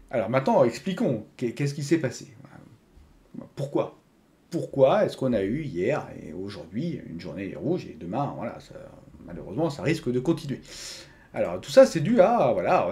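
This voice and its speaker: This is a man talking straight to his viewers in a loose, conversational way. His voice is mellow and dark, and his pitch rises and falls a lot. He stumbles, restarts and fills gaps often. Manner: conversational, many fillers and restarts, addresses viewers directly. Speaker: crypto YouTuber. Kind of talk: casual explanatory talk to camera.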